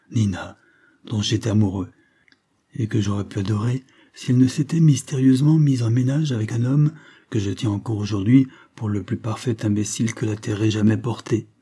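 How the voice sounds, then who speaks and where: A man narrating literary fiction in a measured, expressive first-person audiobook reading. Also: lowish voice, slightly rough.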